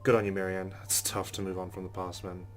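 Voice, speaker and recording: Reading visual novel narration at a quick pace, a let's play host with a deep voice and level tone throws in casual asides. The voice-over was recorded with faint game music behind it.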